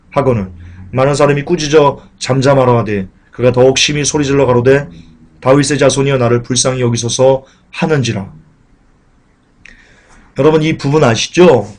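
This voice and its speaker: A man preaching a sermon with passion. He asks the congregation questions and swings between raised, emphatic lines and quiet, low talk. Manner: asks the congregation questions and addresses them directly.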